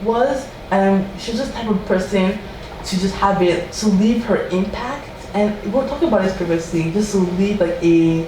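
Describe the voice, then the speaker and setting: A woman hosting a podcast recounts a true-crime case in loose, chatty, animated fashion, raising her voice when quoting people. Her mid-range voice moves at a moderate pace, far from the mic in a very echoey room with faint hiss behind her.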